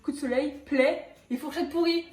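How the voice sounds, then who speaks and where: In a casual product review vlog, a young woman who vlogs about horses chats in a high, slightly mellow voice at a moderate pace, her talk full of fillers, small hesitations and restarts. The room sounds spacious, and faint music plays in the background.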